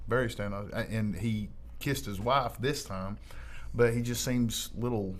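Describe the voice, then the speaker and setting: A man's voice: on the low side, normal speed, a little hiss or hum. A man co-hosting a casual podcast, talking about old fights with friends and laughing often. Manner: laughs often, animated banter. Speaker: podcast co-host.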